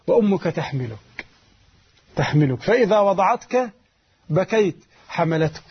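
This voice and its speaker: High-voiced husky preacher, emphatic. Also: male voice, muffled recording. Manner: exhortative, slow emphatic repetition. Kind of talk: sermon.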